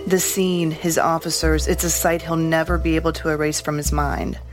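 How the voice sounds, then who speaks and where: A woman reads scripted narration in a steady, measured way. Her voice sits very low for a woman and barely moves in pitch, and faint music plays underneath. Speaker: podcast narrator.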